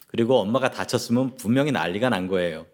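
A man's voice: fairly low pitch, fast talker, voice pushed down, natural voice. A man voicing a cool, matter-of-fact young son. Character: quick-witted young son, unbothered.

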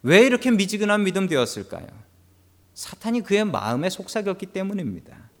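A man's voice: high-pitched, very animated, fairly quick. A male pastor preaching a sermon, telling stories with humorous asides to the congregation.

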